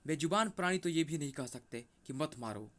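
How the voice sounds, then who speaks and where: A man's voice: on the high side, expressive, a little fast, close to an everyday voice. A man voicing a stern, righteous jungle protector who speaks in a commanding way in a comic story. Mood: punishing.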